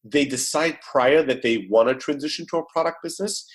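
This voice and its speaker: A man's voice: a little high, fairly quick. A man from Greece, a startup CEO, speaking as a guest in a podcast interview over a remote call, telling his story with energy and plenty of fillers.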